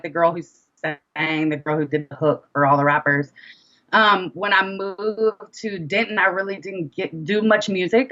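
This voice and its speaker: A low-pitched woman comes through on lo-fi sound. Interviewed as a rapper and singer, she chats casually and narrates with animation, acting out conversations line by line.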